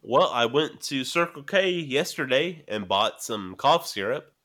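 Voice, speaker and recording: A man's voice: mid-range voice, lively intonation, unhurried, fairly bright tone. A man in his late twenties on a casual podcast, a bit drunk and rambling, laughing often. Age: 20s. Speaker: podcast co-host. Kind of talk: casual chat.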